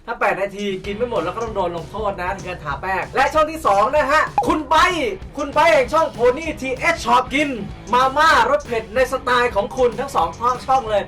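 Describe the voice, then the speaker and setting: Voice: medium pitch, animated, a little fast, few pauses, recorded from a distance. A host doing playful, exclamatory commentary on a food challenge, in a theatrical way. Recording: loud music behind the voice. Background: music.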